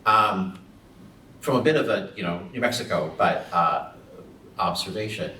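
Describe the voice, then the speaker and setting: A man's voice: low-pitched, lively intonation, measured pace, pushed and bright, slight background noise. A man asking a question at a panel, thinking aloud with frequent restarts. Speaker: audience member. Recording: echoey room from far off.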